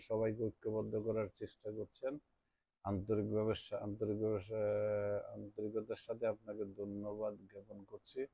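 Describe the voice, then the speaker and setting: A man's voice: lowish voice, dry recording, dull audio. A middle-aged man hosting a political live stream, reading out the names of viewers as they join and greeting them. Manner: reads out joining viewers' names, checks sound often.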